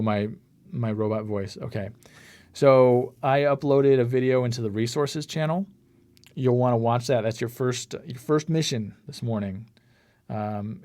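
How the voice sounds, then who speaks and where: A man's voice: mid-range voice, mellow. Guy running an online coding class on a call, laid back, talks thru his clicks, mid voice. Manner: casual, narrates his screen clicks as he goes. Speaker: course instructor. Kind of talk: live online class walkthrough. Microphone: computer mic on a video call.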